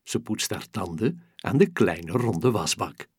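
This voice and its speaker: Slow, gently husky man telling a children's story. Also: fairly low pitch, animated, no echo, clean studio sound.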